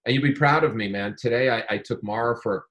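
A man talking casually about his day trading, animated and rambling, with frequent restarts. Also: mid-range voice, fast. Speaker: day trader. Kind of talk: casual conversation.

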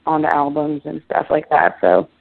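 A woman's voice: sits low, animated, moderate pace, creaky. A woman from Israel, a musician being interviewed, talking casually and rambling with many restarts and fillers. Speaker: musician guest. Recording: tinny phone line.

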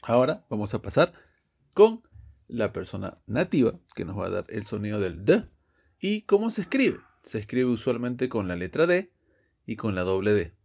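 A man's voice: lowish voice, big pitch swings, normal speed, gravelly, a little mellow. Patient man teaching pronunciation. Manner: patient, explains step by step with frequent "ok?" checks. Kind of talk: podcast lesson in Spanish.

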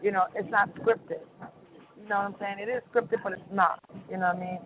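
A woman's voice: medium pitch, fairly even intonation, brisk. A woman calling in over the phone from a train, chatty and effusive. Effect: over the phone, speakerphone. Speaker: call-in guest, singer. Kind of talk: casual chat. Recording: tinny phone line with faint noise.

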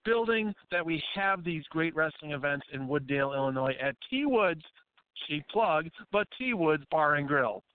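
A man's voice: fairly high pitch, lively intonation, moderate pace, smooth, dry recording. A middle-aged man with a courteous showman's way of talking, being interviewed as a guest on call-in radio. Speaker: wrestling promotion guest. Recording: dry narrow phone line.

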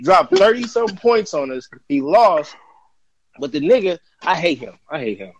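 Profane, grudge-holding podcast guest. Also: male voice, sits high, big pitch swings, normal speed, creaky, slight background noise, poor audio. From Los Angeles. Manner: profane, emphatic grudges, repeats himself. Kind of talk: casual sports chat.

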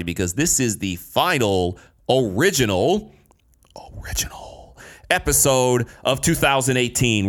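A man's voice: mid-range voice, a bit bright. A man from the United States hosting a solo podcast in a casual, slangy, emphatic way, repeating phrases for effect. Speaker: podcast host. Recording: music behind the voice. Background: music.

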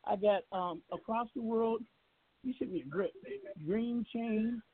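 Older guy hosting radio, high husky voice, keeps repeating himself, sounds like a phone line. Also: unhurried. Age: 60s. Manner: laughing, repeats words, stumbles. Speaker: radio show host. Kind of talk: casual radio chat. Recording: phone-line call-in audio.

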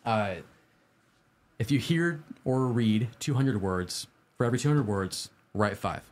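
A man's voice: mid-range voice, measured pace, darkish tone. A man hosting a casual livestream, giving upbeat, tidy advice in an informal, conversational way straight to viewers. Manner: informal, conversational, posing questions to the audience. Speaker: host of a live-streamed IT study show.

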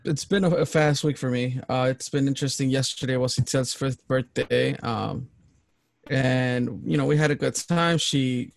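Gravelly-voiced easygoing podcast co-host. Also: male voice, mid-range voice, moderate pace, no room sound, clean studio sound. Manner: easygoing, filler-heavy. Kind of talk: casual podcast chat.

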